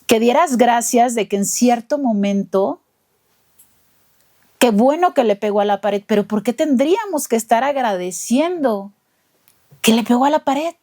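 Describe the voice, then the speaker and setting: A woman interviewing a guest about her testimony, measured and deliberate. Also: fairly high pitch, lively intonation, dark tone. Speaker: interviewer, lawyer. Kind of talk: empathetic interview commentary.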